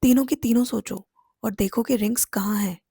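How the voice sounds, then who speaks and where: A proud, wounded young man snaps back defensively, voiced by a woman narrating the story. The voice is fairly high with a dark, gravelly texture. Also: fairly even intonation, a little fast, no echo, studio quality.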